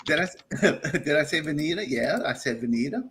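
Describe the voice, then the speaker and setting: Man, host of a live chat show, bright forceful voice, slightly high, loud and laughing, rambling shout-outs. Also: expressive, brisk, a little hiss or hum. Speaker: podcast host. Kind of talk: casual live-stream chat.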